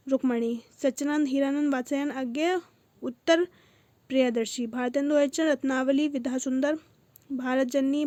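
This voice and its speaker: High-voiced woman reading study notes aloud. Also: mellow, dry recording. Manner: lists terms one by one in short bursts. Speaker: teacher.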